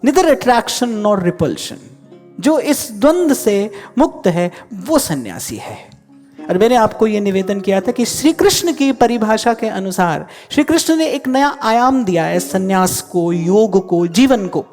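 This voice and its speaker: A man gives a scripture discourse to a gathered audience, speaking in a measured, explanatory way and leaning hard on key words. His voice hangs in a long hall reverb, with soft music underneath. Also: high-pitched, animated. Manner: measured, explanatory, with emphatic stresses. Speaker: spiritual teacher.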